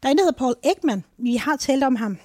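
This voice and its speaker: A woman co-hosting a podcast, explaining mood psychology in a lively, talkative way, often ending with tag questions. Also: high voice, no echo, clean studio sound. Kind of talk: casual explanatory chat.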